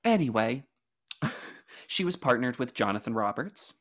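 Man, podcast co-host, mid-pitched voice, mock-formal self-mocking humor, laughs a lot. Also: sing-song, a little slow, fairly bright tone. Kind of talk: casual comedic chat.

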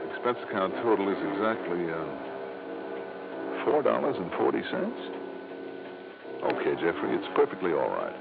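Hard-boiled male radio sleuth, deep, wry, slangy; muffled old broadcast with music. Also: big pitch swings, measured pace, vocal fry, long pauses, exaggerated voice. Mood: breezy. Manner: clipped slangy detective delivery. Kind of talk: 1950s-60s radio drama acting and narration.

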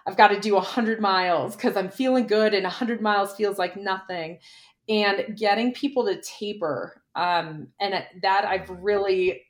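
A middle-aged woman, a former pro cyclist and coach, chatting casually in an interview and telling stories with lots of "like". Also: medium pitch. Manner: chatty, quick storyteller with frequent "like".

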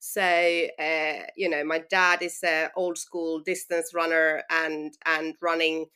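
A woman's voice: low-pitched, little pitch movement, takes it slowly, pushed and bright, clear, resonant tone. A woman in her thirties from Finland with a Finnish accent, chatting as a podcast guest with frequent "um" and "you know". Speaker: guest, running brand founder. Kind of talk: casual interview conversation.

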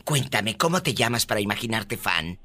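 Mexican woman, radio host, grandiose and theatrical, voice swooping all over, bright and brassy, soft music underneath. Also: very animated, normal speed. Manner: grandiose, theatrical, swings to booming shouts. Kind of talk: comic call-in radio show.

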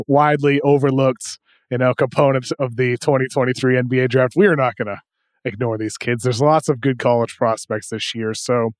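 A man's voice: mid-range voice, no echo, studio quality. Upbeat man with light Boston accent. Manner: brisk, upbeat, steering the talk. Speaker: podcast host. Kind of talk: casual basketball chat.

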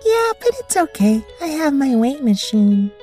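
Tiny squeaky storybook girl, kinda teasing, music faint in back. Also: sing-song, unhurried, mellow. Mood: matter-of-fact. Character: small chirpy little girl. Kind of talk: storybook character voice.

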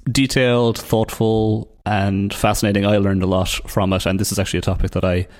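Relaxed lower-voiced male host. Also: a little fast. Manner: casual, appreciative, relaxed. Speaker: podcast host. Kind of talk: podcast conversation.

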